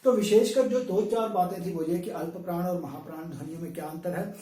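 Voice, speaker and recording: A male lecturer giving a pronunciation lesson, drawing out sounds slowly to demonstrate them, with fillers between phrases. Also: high voice, mellow. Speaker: Hindi lecturer. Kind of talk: classroom-style pronunciation lesson. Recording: echoey room, voice from a distance.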